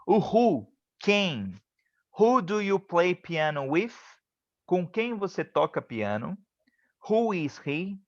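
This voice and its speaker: A man teaching an English lesson at an unhurried, patient pace, saying each example sentence slowly and clearly. He keeps checking whether his students are following. The sound is dry and a little dull, like an online class. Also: medium pitch, no room sound. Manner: often checks in with "tá bom?". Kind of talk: online class, explaining grammar.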